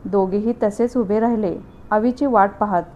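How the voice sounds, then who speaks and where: A woman storyteller giving a calm, measured, heartfelt scripted narration. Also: mid-range voice.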